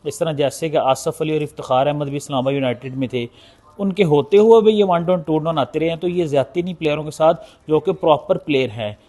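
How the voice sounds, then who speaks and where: A man's voice: a little high, fast talker, mellow. A man hosts a cricket post-match analysis. He speaks seated indoors to a close phone camera, making critical, emphatic points and repeating them for effect. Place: indoor room, seated on a sofa.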